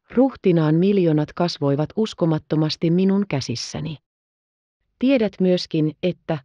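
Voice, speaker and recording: A woman's voice: deep voice, dark tone, dry recording, lo-fi sound, lightly acted. Woman reading as Simonides, proud old merchant. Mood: solemn.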